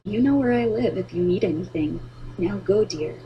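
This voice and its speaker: A woman voicing a kindly, knowing neighbor woman in an animated story, gentle in manner. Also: mid-range voice, moderate pace, dull audio, a little hiss or hum, lightly acted.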